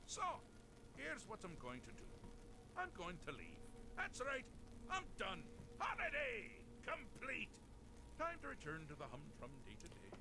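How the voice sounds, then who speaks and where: Sheogorath, mad god. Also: male voice, high-pitched, huge pitch swings, unhurried, creaky, noisy background, heavily acted. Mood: sinister, gleeful. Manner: theatrical, capricious, mocking. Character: manic, whimsical male god of madness. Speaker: game character.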